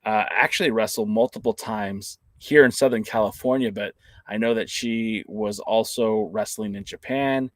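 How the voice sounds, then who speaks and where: A man's voice: fairly low pitch, fairly even intonation, normal speed, dry recording. A man hosting a casual interview, asking friendly questions.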